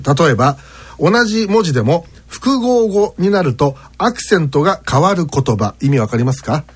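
A man hosts a casual web radio show, reading listener mail aloud and acting out how words are accented with exaggerated swings in pitch. His voice has a breathy edge.

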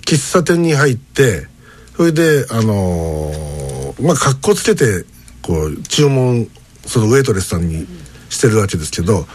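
A man hosting a casual radio chat, telling stories in a lively way. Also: on the low side, unhurried, slightly rough. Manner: storytelling, lively, chuckling.

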